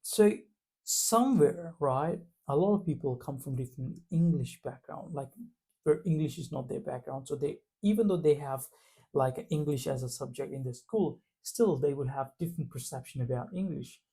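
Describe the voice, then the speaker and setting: Mellow-voiced Indian man, reflective. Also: mid-range voice, normal speed, creaky, husky. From Punjab, India. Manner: reflective, loose phrasing full of fillers. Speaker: vlogger. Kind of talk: casual to-camera talk.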